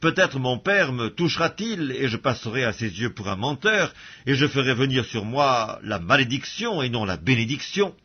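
Male reader doing an anxious younger son, slightly raised; husky, muffled recording. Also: medium pitch, lively intonation, moderate pace. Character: anxious younger son, deceiving his father.

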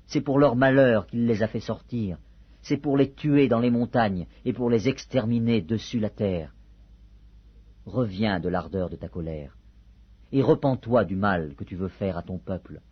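A man reading the plea of an aged prophet in a slow, husky voice, on a dull lo-fi recording. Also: medium pitch. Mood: pleading. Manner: solemn, earnest reading. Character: aged prophet pleading with God.

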